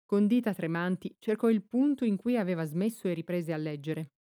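A woman reading an audiobook in a calm, measured storytelling voice. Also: on the low side, no room sound, studio quality. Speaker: audiobook narrator. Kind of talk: scripted audiobook narration.

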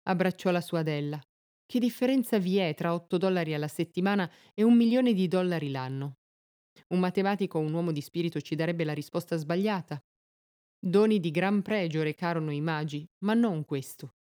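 Woman narrator, audiobook story reading, measured and expressive, low warm voice.

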